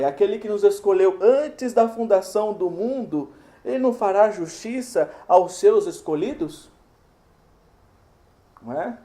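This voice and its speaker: A man's voice: sits high, mellow, roomy sound. A man with a Brazilian Portuguese accent preaching a sermon in a church, talking to the congregation in a conversational way and often asking rhetorical questions. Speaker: pastor. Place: church sanctuary.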